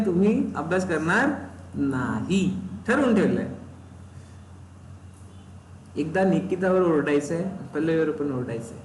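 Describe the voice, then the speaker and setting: High-voiced man teaching a tech class. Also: darkish tone. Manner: questioning students, repeating key terms. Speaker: instructor. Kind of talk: live technical class explanation. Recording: roomy echo, faint background noise.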